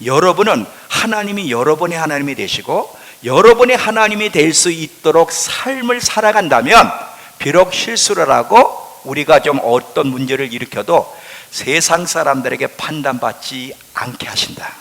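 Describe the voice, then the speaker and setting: Animated pastor. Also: male voice, on the high side, normal speed, gravelly. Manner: asks the congregation questions and answers them himself; emphatic, swings between loud and hushed. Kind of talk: sermon. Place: church sanctuary. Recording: long hall reverb in a church.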